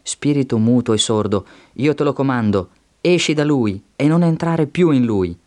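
A man voicing a stern male teacher, reading his words in a solemn, measured way. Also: mid-range voice, lively intonation, darkish tone, voice pushed up, close to an everyday voice.

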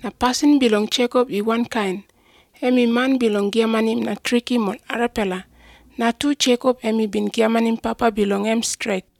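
A woman's voice: a little high, steady tone, moderate pace, vocal fry, darkish tone, no room sound, studio quality. A woman narrates a scripted picture-book Bible story in a simple, instructive storytelling way.

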